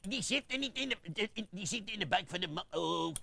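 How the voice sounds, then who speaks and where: A man's voice: high-pitched, lively intonation, a little fast, gravelly, bright, forceful tone, dry recording, heavily acted. A man voicing a grumpy old grandmother sock puppet in a children's puppet show, irritable and always calling things ridiculous. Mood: grumbling.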